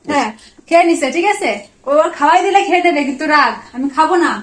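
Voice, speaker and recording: High-voiced woman coaxing a dog. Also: fast talker. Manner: coaxing, repeats short words to the dog. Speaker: vlogger. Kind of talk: casual home vlog, talking to a pet dog. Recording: echoey room.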